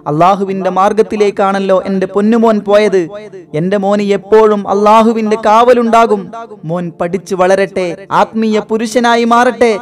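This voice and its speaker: A man's voice: sits high, steady tone, moderate pace, natural voice. A man voicing a devout mother who tearfully sends her young son away, speaking tenderly and pleadingly in a storybook reading. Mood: tender, prayerful.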